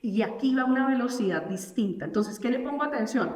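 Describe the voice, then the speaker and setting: A woman's voice: on the high side, lively intonation, brisk, darkish tone. A woman, a speech therapist, explaining voice and articulation in an interview, laying out her points one by one and acting out examples. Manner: didactic, counts points, acts out examples. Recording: reverberant room.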